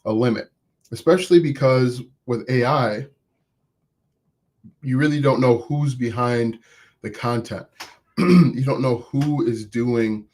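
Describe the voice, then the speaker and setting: Talking slowly and pausing often, a man coaches online business on a live stream in a darkish, middle-pitched voice. He encourages viewers conversationally, restarts sentences a lot, and says he has an accent of his own.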